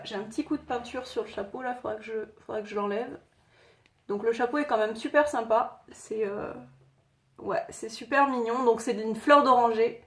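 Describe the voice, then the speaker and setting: A woman chatting casually to viewers while showing her collectible figurines, in a halting way with many fillers. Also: on the high side, fairly bright tone. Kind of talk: casual unboxing chat. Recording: echoey room, faint noise.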